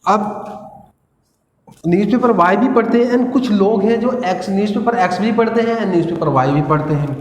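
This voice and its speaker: A man's voice: high voice, darkish tone, dull audio, slight background noise. A man teaching maths at a board in a classroom, explaining each step and checking in with "है ना" as he goes, mixing English phrases into his lecture. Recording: echoey room, faint ambience.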